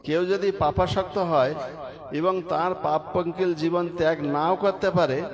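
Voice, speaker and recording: A man preaches a devotional sermon, with a voice a little higher than most men's. He tells stories to the gathering and leads them in chanting. The clear murmur of a crowd sits behind him. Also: steady tone, a little slow.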